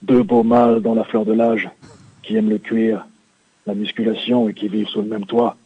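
A man's voice: on the low side, flat delivery, normal speed, slightly rough, no room sound. A man on a phone line into a radio studio, playing a boastful, suggestive macho biker sidekick from a video game in a comic sketch. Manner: swaggering, suggestive, self-satisfied. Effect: over a phone line into a radio studio. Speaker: caller doing a comedy bit. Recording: dull lo-fi dry phone line.

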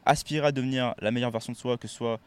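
A man co-hosting a podcast in casual chat, relaxed and switching into English words mid-sentence. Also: mid-range voice, rapid-fire, clean tone. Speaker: podcast co-host.

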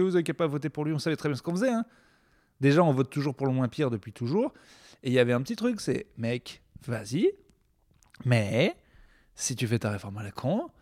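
A hoarse young man delivering a rambling, crude, joking comic monologue as a vlogger. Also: mid-range voice, a little mellow. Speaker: comedy vlogger. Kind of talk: comedic monologue.

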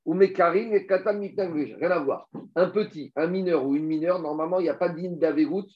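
Guy teaching talmud in w/ words, kinda high voice, lots of rhetorical questions, dull lo-fi sound. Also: fairly quick. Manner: explains step by step, rhetorical questions, animated. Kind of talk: Talmud study class. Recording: dull lo-fi recording.

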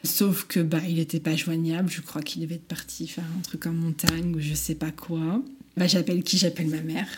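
A woman's voice: low voice, flat delivery, brisk, darkish tone, a little hiss or hum. A woman in her thirties telling a personal story candidly and with animation, acting out the voices in it and laughing often.

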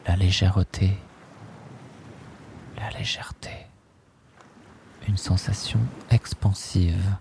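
A man narrating a guided sleep meditation, speaking softly and repeating words in a slow, hypnotic way. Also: sits low, creaky. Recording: steady ocean wave noise behind. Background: ocean waves.

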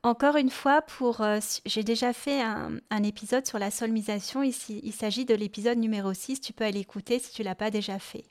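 A woman's voice: a little high, fairly even intonation, a little fast, few pauses. A woman hosting a podcast, explaining music lessons for children patiently and step by step, with hesitant fillers as she thinks. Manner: patient, explains step by step, addresses the listener informally. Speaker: podcast host and music teacher.

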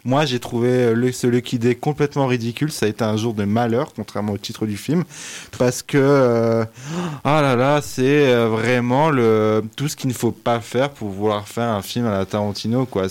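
A young male critic in his twenties, delivering scathing, animated takes. His voice is crisp and resonant. It sits at an ordinary pitch. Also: moderate pace. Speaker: film critic. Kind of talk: casual film review chat.

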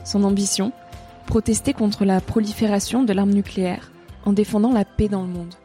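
A woman hosts a podcast, reading her narration and translations in a calm, measured, earnest way. Her voice is soft and mellow at a middle pitch. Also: faint music behind. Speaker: podcast host. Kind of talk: scripted narration and voice-over translation.

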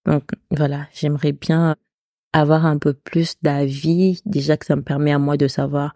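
A woman's voice: low voice, steady tone, moderate pace, dark tone, dry recording, clean studio sound. A woman hosting her own podcast with a non-standard French accent, chatting casually and hesitantly, with many restarts. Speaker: podcast host. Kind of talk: casual solo podcast talk.

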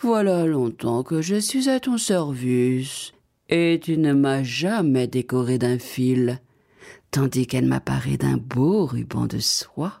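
A woman voicing an old birch tree, slow and grave. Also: a bass voice, vocal fry, warm tone, voice pushed down, full character voice. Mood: reproachful.

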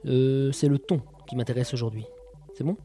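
A man's voice: medium pitch, steady tone, moderate pace, mellow, faint music behind. A man hosting a podcast, reviewing audio shows in a casual, jokey and sardonic way. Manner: jokey and sardonic, full of quips. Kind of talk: casual chat.

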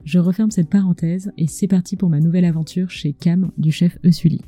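A woman's voice: lowish voice, steady tone, brisk, over music. A woman narrates a scripted podcast as a storyteller, speaking intimately close to the microphone, right in the listener's ear. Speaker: podcast host, culinary storyteller. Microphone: close microphone with acoustic screen.

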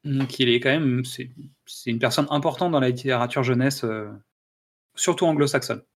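A man's voice: mid-range voice, moderate pace. A man hosting a casual film-review podcast, talking with frequent hesitations and restarts. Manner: hesitant, many "euh" and restarts. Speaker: podcast host.

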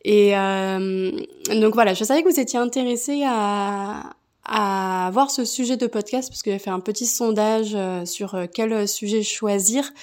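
A woman's voice: mid-range voice, moderate pace. A woman from France hosting a casual podcast, hesitant and informal, her voice cracking a little at the end of a cold. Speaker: podcast host, yoga teacher.

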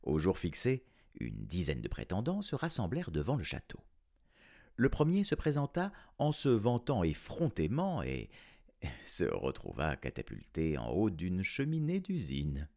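A man narrating a children's story in an expressive, animated way. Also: sits low, unhurried, vocal fry.

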